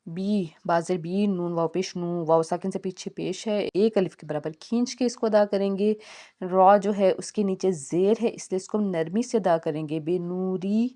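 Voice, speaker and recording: A woman's voice: lowish voice, warm tone. A woman teaching Quran recitation rules, spelling out each letter and vowel syllable by syllable. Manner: slow measured syllable-by-syllable spelling. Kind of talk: spelling-out tajweed lesson.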